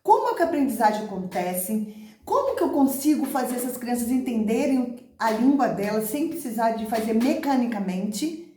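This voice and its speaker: A woman's voice: fairly high pitch, very animated, moderate pace, dark tone. Emphatic Brazilian woman teacher, echoey room. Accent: Brazilian Portuguese. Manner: emphatic, repeats key words, addresses viewers directly. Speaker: literacy teacher. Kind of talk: personal talk to camera on teaching methods.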